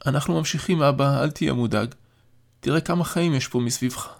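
A man's voice: medium pitch, vocal fry, voice pushed up, natural voice. A man playing an emotional grown son. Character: grown son speaking to his dying father.

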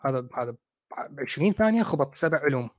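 A man's voice: medium pitch, lively intonation, fast, no room sound, studio quality. A man with an Iraqi accent hosting a livestream, rebutting clips in a sarcastic, mocking way. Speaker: host. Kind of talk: livestream commentary.

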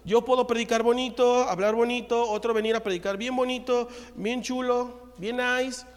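A man's voice: very high-pitched, normal speed, big-room sound. A man with a Mexican accent preaching a sermon, telling a personal testimony and acting out the dialogue. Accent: Mexican Spanish. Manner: lively storytelling, acts out the dialogue. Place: church.

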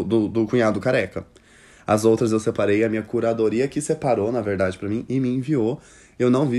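Gossipy Brazilian man, chatty host. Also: medium pitch. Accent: Brazilian Portuguese. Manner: gossipy and expressive, laughs often, exclaims loudly. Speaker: host reading listener stories. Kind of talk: casual chat.

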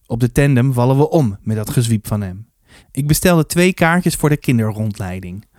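A man reading a children's book aloud, telling it in a lively first-person voice. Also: medium pitch, no echo, studio quality. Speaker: storybook reader.

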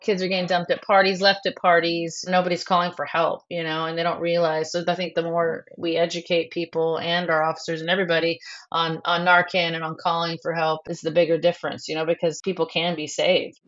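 A middle-aged bereaved mother speaking frankly in an interview, halting with lots of fillers. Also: lowish voice, little pitch movement, a bit bright, muffled recording. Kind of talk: candid personal interview.

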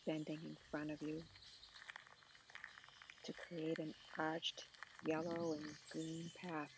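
A soothing guide narrating a meditation in short, slow phrases with long pauses. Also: medium pitch, monotone. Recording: clear outdoor nature noise, birdsong.

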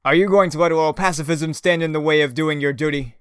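A man's voice: on the high side, fairly even intonation, quick pace, fairly bright tone, clear, resonant tone, no echo, studio quality, close to an everyday voice. A man playing a bombastic, patriotic space captain with earnest, overblown heroics. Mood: urgent. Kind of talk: comedy audio drama acting.

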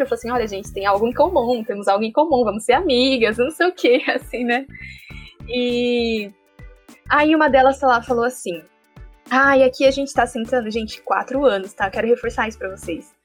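A woman with a Brazilian Portuguese accent, telling viewers a personal story in a casual, animated way and acting out what others said. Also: a little high. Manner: animated, often acts out quoted voices. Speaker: vlogger.

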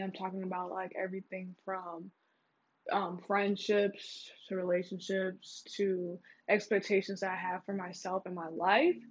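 Husky woman chatting from an echoing bathroom. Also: medium pitch. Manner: candid, slangy, conversational. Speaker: host. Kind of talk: casual confessional monologue to listeners. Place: small echoing bathroom, indoors. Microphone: earbud microphone. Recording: dull, lo-fi earbud mic in bathroom.

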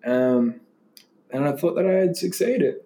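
A man's voice: a little high, a little slow, warm tone. A man as an interview guest, telling a personal story in a loose, rambling way full of "like" and "um". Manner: loose and rambling, many "like" and "um" fillers.

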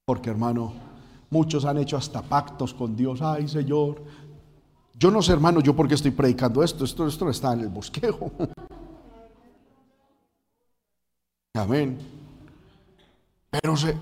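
A man's voice: fairly high pitch, fairly quick, big-room sound. A man preaching an impassioned sermon, often addressing the congregation as brother.

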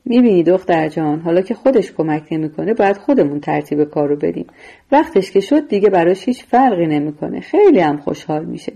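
A woman's voice: fairly low pitch, lively intonation, vocal fry, dark tone, husky, exaggerated voice. A woman voicing a menacing, coldly sarcastic male gangster boss in a story reading.

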